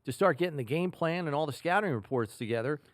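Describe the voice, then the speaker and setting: Clean studio audio captures an American-accented man on his football podcast, discussing numbers analytically but conversationally and at a measured pace. His pitch sits fairly high, his intonation is lively, and there's no echo.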